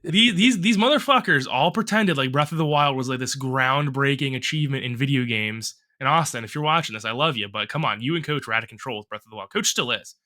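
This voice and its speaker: Bright-sounding dude on a podcast, rambles, swears a lot, kinda congested. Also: male voice, mid-range voice, fast, few pauses. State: lingering cough and congestion. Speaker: podcast co-host. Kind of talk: casual podcast chat.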